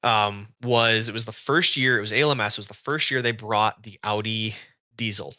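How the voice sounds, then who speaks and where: A young adult man, a guest racer, telling long animated anecdotes in casual podcast chat, often restarting his sentences. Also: fairly low pitch, normal speed, dry recording.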